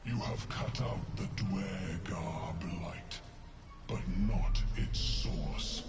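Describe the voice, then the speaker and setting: A man's voice: sits low, in a whisper, exaggerated voice. An actor playing an ancient male mushroom sovereign in a game, speaking in a grave, ceremonial way. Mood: commanding. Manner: slow, grave, ceremonial speech. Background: loud game music.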